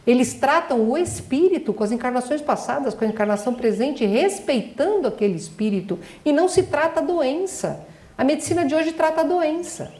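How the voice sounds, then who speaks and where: A slightly high voice with a darkish tone carries this spiritual lecture by a middle-aged woman doctor. She talks emphatically, throws rhetorical questions at the audience, and the recording has the echo of a large hall.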